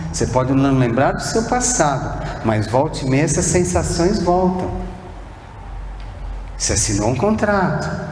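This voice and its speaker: A Brazilian man giving a spiritist lecture, posing one rhetorical question after another and sometimes speaking softly to a single listener. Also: fairly high pitch. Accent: Brazilian Portuguese. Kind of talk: sermon-like lecture. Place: spiritist center hall. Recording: echoey hall with faint background noise.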